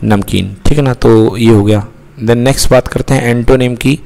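Speaking at a normal pace with a medium, fairly even pitch, this man's voice is creaky and a little mellow. He gives an English lesson in Hindi blended with English, asking and answering his own questions and addressing listeners as "beta." Long reverb colors the recording.

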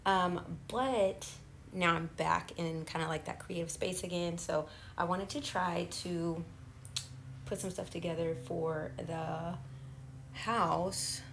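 A woman's voice: fairly low pitch, steady tone, slow pace, gravelly, a bit bright, slight background noise. A woman in her thirties, chatting casually to viewers in a home vlog, calling them y'all, filmed at arm's length. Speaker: lifestyle vlogger. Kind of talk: casual vlog chat to camera. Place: home kitchen and garage, indoors. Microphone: camera held at arm's length.

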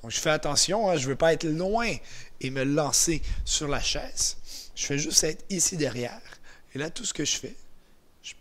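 A man with a Québécois French accent leading a gentle exercise class, calm and encouraging, counting down softly. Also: on the high side, normal speed. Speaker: exercise instructor. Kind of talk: guided seated exercise class. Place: indoors beside a chair.

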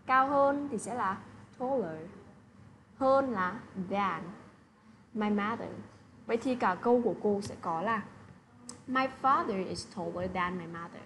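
A woman's voice: mid-range voice, animated, a little slow, pauses often, fairly bright tone, slight background noise. Woman teacher explaining, always checking in. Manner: keeps checking with tag questions. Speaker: English teacher. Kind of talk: online lesson explanation.

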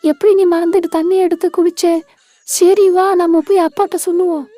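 A woman's voice: extremely high pitch, level tone, brisk. A woman voicing a young girl, the older sister, who questions and scolds her little brother. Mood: scolding. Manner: scolding, loud.

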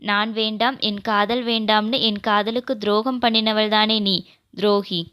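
A woman's voice: medium pitch, flat delivery, measured pace, bright, forceful tone, clean tone. A woman reading the part of a wounded, angry young husband in a romance audio novel, in a bitter, accusing tone.

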